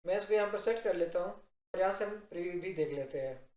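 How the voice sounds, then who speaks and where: A man giving a software tutorial, explaining step by step and addressing viewers directly in an instructional narration. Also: high voice, fast. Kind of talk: instructional screen-recording narration. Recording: roomy, echoing voice-over.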